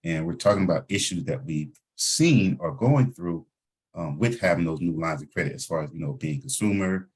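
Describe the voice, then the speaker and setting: A man with a very deep, husky voice speaks through group voice chat audio. He coaches the people on the call and repeats his main points to make them stick. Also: animated, normal speed. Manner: instructive, repeats key points for emphasis. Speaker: host of an online financial team meeting.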